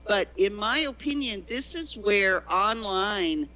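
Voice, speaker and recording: In a conversational interview, a former teacher in China rambles through long teaching stories, frequently starting over. She speaks slowly in a mid-range, bright, animated voice with a forceful edge, and the recording is muffled.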